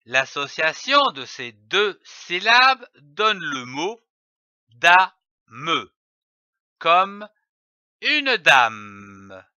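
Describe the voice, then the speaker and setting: Slow, deliberate man teaching phonics. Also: fairly high pitch, sing-song, pushed and bright, clear, resonant tone, dry recording. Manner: spells out letters and syllables carefully. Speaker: reading teacher. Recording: dull, dry lo-fi voice-over.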